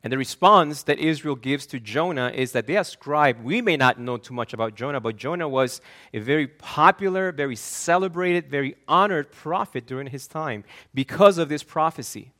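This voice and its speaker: Earnest pastor preaching. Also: male voice, a little high, lively intonation, normal speed, pushed and bright. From Argentina. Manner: earnest, emphatic preaching with repeated words and restarts. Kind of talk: sermon.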